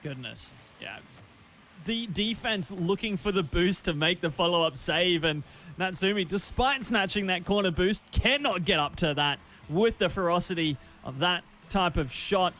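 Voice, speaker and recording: High-voiced male esports caster. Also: expressive, normal speed, bright, forceful tone. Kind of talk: esports play-by-play commentary.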